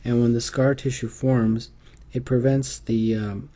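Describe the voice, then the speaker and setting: Speaking in an unhurried, level way, a man with a medium-pitched, dark-toned voice gives an unscripted medical exam tutorial over slides. He's hesitant, with frequent fillers and restarts, as in an off-the-cuff instructional lecture.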